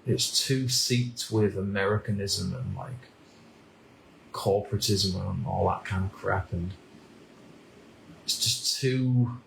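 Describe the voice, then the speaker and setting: A man in his thirties from the United Kingdom, talking through a reflective personal monologue in a halting way, often repeating words and restarting sentences. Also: deep voice, vocal fry, a bit bright, reverberant, slight background noise, low-quality recording. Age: 30s. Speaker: vlogger.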